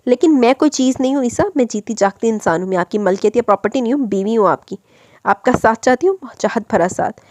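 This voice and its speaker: A woman playing a proud young wife, wounded and pleading, her lines high and lifted above a plain storybook narration. The stays audible beneath the emotion. She sounds close and dry, with no room around her. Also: fast, a little mellow, no echo, lightly acted.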